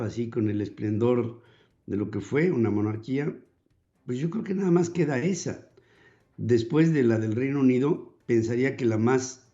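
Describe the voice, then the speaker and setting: An older man hosting a radio talk show, reflective and drawn-out, with frequent restarts. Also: medium pitch, mellow. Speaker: radio host. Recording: muffled lo-fi broadcast audio.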